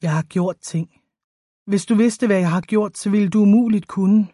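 A woman voicing a brooding young male warrior bodyguard in a storybook reading, speaking in a low, restrained, guarded way. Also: mellow, husky, dry recording, clean studio sound, natural voice. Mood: pained.

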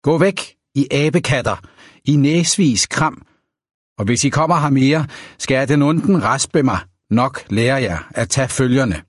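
A man voicing a proud, resentful poor smallholder with a dry, rustling voice and a gruff, muttering manner. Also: mid-range voice, few pauses, no room sound, natural voice. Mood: shouting.

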